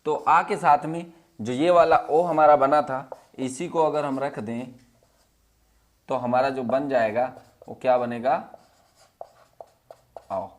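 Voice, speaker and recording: Hindi teacher drilling with questions. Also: male voice, fairly even intonation, slow, pauses often. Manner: asks questions and repeats answers in a drill; drops to a low, quiet voice when giving the answers. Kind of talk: classroom lesson.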